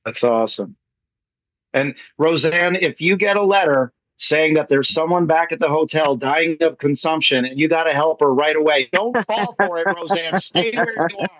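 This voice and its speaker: A guest on a video call, this man speaks at a normal speed in a fairly bright voice on the high side, with no echo but slightly dull online audio. Answering questions casually, he gets effusive and rambling and repeats himself for emphasis.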